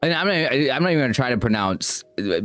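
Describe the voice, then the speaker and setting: A man's voice: medium pitch, very animated, quick pace, a bit bright, no echo, faint music behind. A young man streaming and chatting casually with his viewers, rambling and self-conscious, often stumbling and restarting his sentences. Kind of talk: casual livestream chat with viewers.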